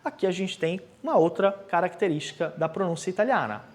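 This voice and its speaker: A man teaching Italian, explaining pronunciation and repeating phrases slowly with careful articulation. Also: high voice, lively intonation. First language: Portuguese. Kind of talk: language lesson, modeling pronunciation for repetition.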